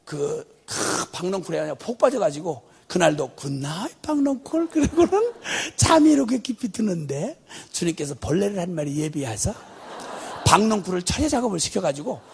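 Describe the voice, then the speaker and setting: A man preaches with a high, gravelly voice that leaps all over its range. He tells the story animatedly, acting out voices and breaking into shouts and laughter. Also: very animated, normal speed. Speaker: missionary preacher. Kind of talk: sermon.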